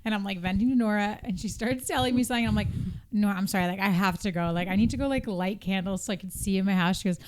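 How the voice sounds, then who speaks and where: A woman's voice: mid-range voice, fast. A woman in her twenties, a podcast co-host in casual chat, telling stories with acted-out quotes. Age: 20s. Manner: animated storytelling, acts out quotes.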